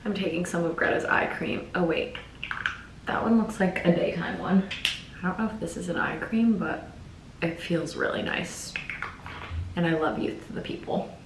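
Young woman vlogger, casual and chatty, phone-held mic, steady noise behind. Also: lowish voice, normal speed, echoey room. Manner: chatty, upbeat, thinks aloud. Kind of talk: casual vlog chat. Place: outdoor dock by a lake, then indoors. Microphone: phone camera at arm's length.

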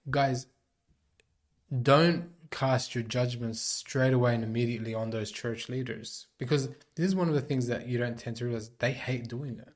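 A young man with a mid-range voice talks through a point, close to a desk microphone in a small studio. He explains in steady steps, checks in with "right?" and readily agrees with his co-host. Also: medium pitch. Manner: explanatory, with frequent tag questions and quick agreements. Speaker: podcast co-host. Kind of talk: casual faith discussion. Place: small studio, seated at a table. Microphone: desk microphone on a stand.

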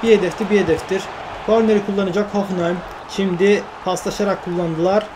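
A man commenting on his own football video game career, getting worked up and yelling at his teammates when plays go wrong. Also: high voice, a little fast, noisy background. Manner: excitable, shouts at his teammates, groans when things go wrong. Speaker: gaming YouTuber.

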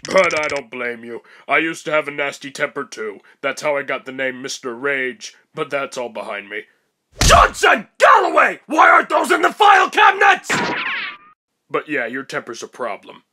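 A man playing a stern cartoon boss who keeps a hot temper under measured, menacing politeness. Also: medium pitch, pushed and bright, lightly acted.

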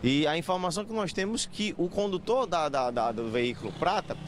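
A man's voice: fairly high pitch, lively intonation, a little fast. Man reporting from a noisy street. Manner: urgent, questioning witnesses. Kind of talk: live on-scene news report. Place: busy city avenue outdoors. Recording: street traffic noise behind.

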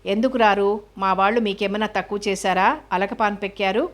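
A woman reading the lines of a hurt but spirited young wife who speaks gently yet firmly, in a storybook reading. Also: mid-range voice, fairly quick, close to an everyday voice. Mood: earnest. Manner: gentle, teasing and firm.

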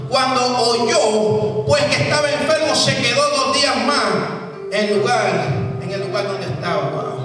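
Pastor, middle-aged man, fiery sermon into a handheld mic, long church reverb, music behind. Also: very high-pitched. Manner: preaching with shouted peaks and quiet asides, repeating phrases. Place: church sanctuary with stage. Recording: echoey church hall from far off.

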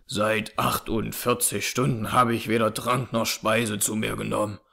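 Guy voicing a grim young frontier hunter, low and hushed, urgent and firm, storybook read-aloud. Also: level tone, measured pace, gravelly, full character voice. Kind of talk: audiobook character reading.

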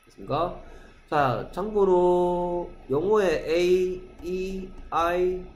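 In an echoey classroom, a Korean-speaking man delivers a middle school English lecture, repeatedly checking comprehension as he drills pronunciation. He speaks very slowly in a high, darkish-toned voice while soft music plays in the background.

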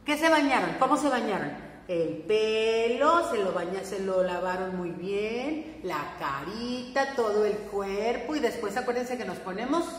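A woman with a Mexican accent teaching preschoolers, singing and talking to them in an animated sing-song way. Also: fairly high pitch, slight background noise. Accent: Mexican Spanish. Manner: animated sing-song, speaking to small children. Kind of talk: singing lesson for young children. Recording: echoey room, long reverb, faint ambience.

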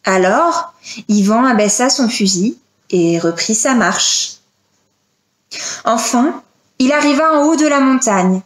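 A woman's voice: fairly high pitch, roomy sound. A woman reading a children's tale aloud, voicing the characters as she goes. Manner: slow, expressive storytelling with voiced characters. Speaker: librarian reading a story.

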